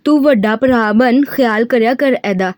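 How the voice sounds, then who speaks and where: A loud, rustic mother with a broad Punjabi accent, put on by a woman reader, scolding and doting by turns in a thickened, raised voice. This storybook figure sits higher than a plain voice. The sound is dry and close to the mic. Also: unhurried, no echo, natural voice. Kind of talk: audiobook reading of a novel.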